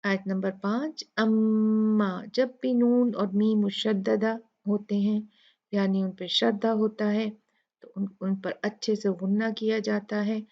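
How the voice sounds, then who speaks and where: A woman with a Pakistani Urdu accent teaching Quran recitation rules, patiently repeating sounds slowly to demonstrate them. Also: mid-range voice, flat delivery. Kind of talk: tajweed lesson explaining recitation rules. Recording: dull lo-fi recording.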